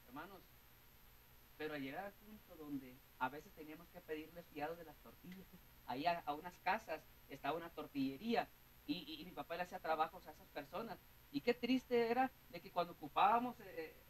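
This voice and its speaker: A Mexican man preaches in a high, bright-edged voice, telling his own story to the congregation. He talks earnestly, stumbling over repeated words and often addressing the listeners as brother. A faint hiss runs under the recording. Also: fairly quick, poor audio. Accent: Mexican Spanish. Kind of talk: sermon with personal testimony.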